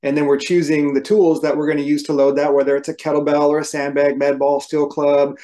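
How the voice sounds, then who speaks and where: In his forties, this firefighter and coach joins a podcast by video call from a small room at home, walking through ideas methodically like a teacher. His voice is a little high, mellow and level, and he talks fairly quickly.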